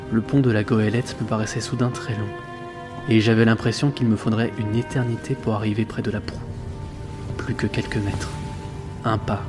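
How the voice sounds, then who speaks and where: For an audio drama, a man serves as narrator and lead actor, playing a haunted young sailor writing in his journal at sea, uneasy yet rational. His natural, fairly low voice delivers hushed, tense, suspenseful first-person narration at a measured pace, with dramatic music prominent behind him.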